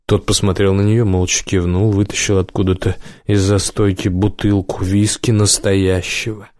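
A man narrating an audiobook in a measured, even storytelling manner. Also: sits low, dry recording, clean studio sound.

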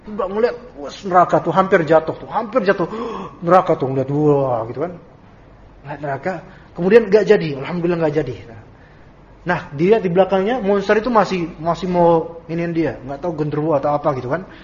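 A male religious teacher giving a Quran commentary lesson, reading Arabic text and retelling it as an animated, casual story. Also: a little high, fairly quick. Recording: dull lo-fi audio recording.

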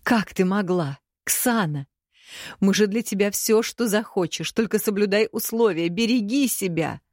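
A woman's voice: mid-range voice, a little slow, darkish tone, no room sound, voice pushed up, natural voice. A timid, anxious middle-aged mother , as a woman reads her in an audiobook. She pleads in a raised, careful voice. The sound is close and dry. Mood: tearful.

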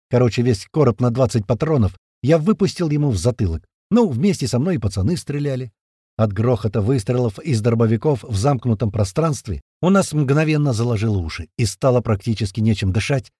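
A man narrating a first-person audiobook in a colloquial, rough-spoken, vivid way. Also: medium pitch, lively intonation, a little fast, warm tone, no echo, clean studio sound.

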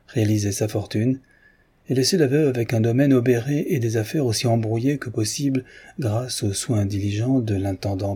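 Male audiobook narrator, steady and measured, husky low voice. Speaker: audiobook reader.

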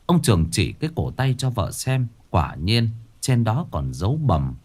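A man's voice: sits low, mellow. A man narrating a ghost story in a dramatic storytelling manner. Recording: faint background music.

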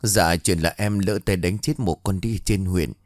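A man's voice: low-pitched, unhurried, dry recording, studio quality. A man voicing a desperate young official's wife who urgently begs for help. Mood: pleading. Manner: pleading, urgent.

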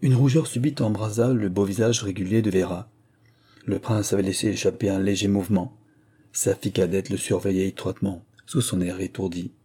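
A man reading a novel aloud in a measured, expressive narration. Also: deep voice, husky. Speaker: audiobook narrator.

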